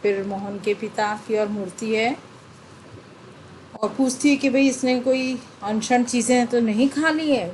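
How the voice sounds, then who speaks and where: A woman's voice: fairly high pitch, darkish tone, slight background noise, rough recording. A woman teacher reading a textbook play aloud to children, stopping to explain the scenes and give them tasks. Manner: slow, explanatory, addresses the children directly.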